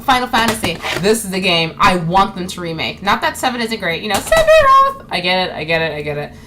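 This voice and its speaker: A woman talking casually to camera in a vlog, animated and chatty, with lots of fillers. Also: lowish voice, fast, background noise. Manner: animated, acts out quoted voices; chatty, with many fillers like "um" and "you know". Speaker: actress and model vlogger.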